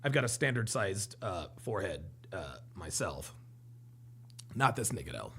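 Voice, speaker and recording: A man's voice: low voice, big pitch swings, normal speed, noisy background. A man commenting live on a dating show clip, joking and repeating himself as he reads out viewer comments. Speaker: streamer reacting to a dating show. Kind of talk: live stream reaction commentary.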